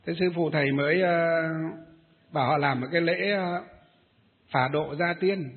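A man's voice: fairly high pitch, normal speed. A male Buddhist monk giving a dharma talk and telling a story with many hesitant fillers. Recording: tinny phone-like sound.

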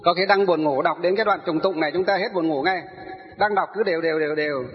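A man with a high voice delivers a sutra lecture as a Buddhist teacher, asking rhetorical questions and then answering them. The recording sounds dull and muffled. His voice trails off into a long reverb, as in a large hall. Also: fast talker.

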